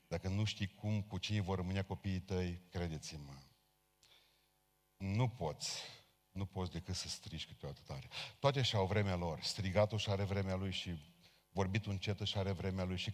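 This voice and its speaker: Fervent male preacher in a reverberant hall. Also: lowish voice. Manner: fervent, direct address to the congregation. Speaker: pentecostal preacher. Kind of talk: sermon.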